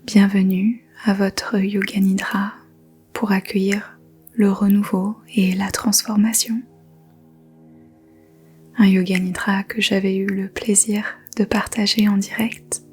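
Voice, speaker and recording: This woman's voice is soft and whispery with a breathy edge as she guides a yoga nidra meditation. She speaks very slowly and evenly, hovering near one pitch and leaving long pauses between her gentle, soothing instructions, with faint music beneath.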